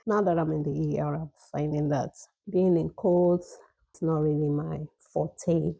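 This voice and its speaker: A middle-aged woman with a Nigerian accent talks casually to her viewers between bites. Her voice is very dark and husky with a gravelly edge. She rambles warmly, restarting her sentences. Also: deep voice, fairly even intonation, no room sound, highs cut off. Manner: chatty, laughs often, drawn-out restarts. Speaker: emergency nurse vlogger. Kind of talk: casual chat while eating.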